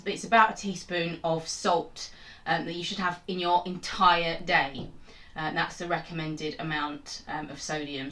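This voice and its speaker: Woman home cook, lowish voice, chatty and rambling, recorded from a distance in a small roomy kitchen. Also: fairly bright tone. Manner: chatty and rambling, self-mocking asides. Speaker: home cook and channel host. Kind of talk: casual cooking demonstration.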